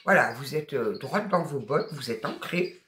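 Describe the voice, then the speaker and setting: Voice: mid-range voice, lively intonation, unhurried, a bit bright, reverberant, a little hiss or hum. A tarot card reader with a Southern French accent, giving a spoken guidance reading in an emphatic, colloquial and encouraging way, with blunt asides.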